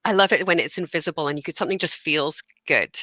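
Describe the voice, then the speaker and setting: Woman in her thirties, low bright voice, dry close sound, slightly dull recording, animated storyteller. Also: quick pace, no echo. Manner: emotional, animated storytelling with laughs. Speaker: game designer. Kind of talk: conversational interview.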